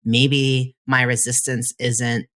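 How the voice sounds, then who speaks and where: Very deep-voiced woman podcast co-host. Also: little pitch movement, slow pace, a bit bright. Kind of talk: casual podcast chat.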